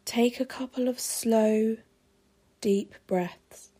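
A woman calmly guiding a pregnancy relaxation meditation with slow, soothing, measured phrasing. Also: on the high side, husky. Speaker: meditation guide.

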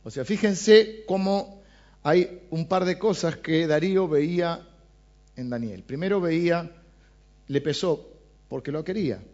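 An Argentine preacher explains a Bible passage in a casual, chatty sermon, often turning to his listeners with questions. His voice sits a bit high for a man. The recording is dull and lo-fi. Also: measured pace, a little mellow. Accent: Argentine Spanish.

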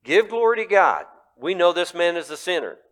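A man voicing indignant male religious leaders who accuse and scold in a loud, raised voice. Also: high-pitched, very animated, normal speed, voice pushed up.

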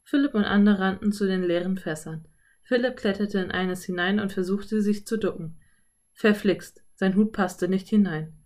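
A woman narrating a children's audiobook in a calm, clear storytelling voice. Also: mid-range voice, normal speed.

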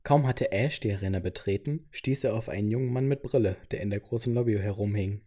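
A man's voice: lowish voice, fast talker, dark tone. A man reading a game storybook chapter aloud as the narrator.

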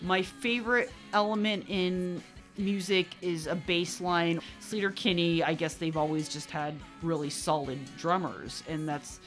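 A woman co-hosting a podcast, a bass player in casual music chat, enthusiastic and quick to agree. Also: steady tone.

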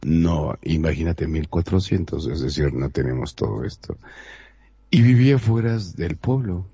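A man co-hosting a radio show, telling a story slowly with a dramatic storyteller's voice. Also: rumbling low, expressive, warm tone, husky, dry recording, dull audio. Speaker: co-host. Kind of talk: casual radio chat, storytelling.

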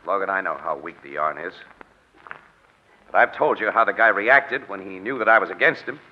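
An actor playing a wry, cool-headed crime photographer who talks in slangy tough talk in old-time radio detective drama style. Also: male voice, deep voice, moderate pace. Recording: dull vintage radio recording.

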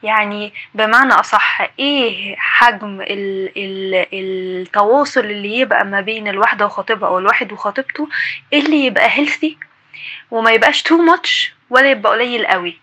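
A woman with an Egyptian Arabic accent leaves a casual voice message. Her mid-pitched voice is bright and forward. She puts her question with small hesitations. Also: brisk. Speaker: listener leaving a voice message.

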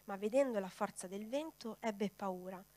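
A woman's voice: medium pitch, normal speed, darkish tone. A woman preacher delivering a sermon, putting rhetorical questions straight to her congregation.

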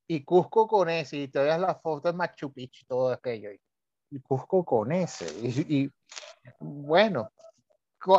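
A man's voice: a little high, a little mellow, dry recording, lo-fi sound. A man from Venezuela with a Venezuelan Spanish accent, talking casually and telling anecdotes with laughs and asides. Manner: chatty storyteller with frequent laughs and asides. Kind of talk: casual conversation about spelling.

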